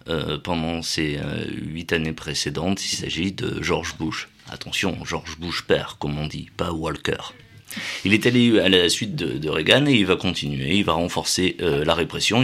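A man presenting a radio talk segment from the studio, halting often with fillers as he explains. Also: rumbling low, gravelly, fairly bright tone. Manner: hesitant, many euh fillers.

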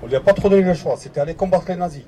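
A man born in France speaks up during a public debate, hesitant and full of restarts and fillers. His voice sits high and mellow, and he races along.

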